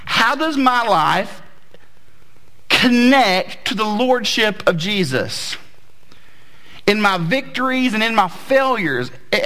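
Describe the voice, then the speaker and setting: A man's voice: high voice, bright, forceful tone. An American man of about forty preaching a church sermon as a pastor, conversational, with emphatic repetition for effect.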